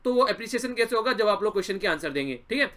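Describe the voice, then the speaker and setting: A man's voice: high voice, animated, racing, a bit bright. A young man teaching a current affairs lesson for exam preparation, chatty and encouraging, speaking directly to his viewers. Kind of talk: exam-prep news lesson.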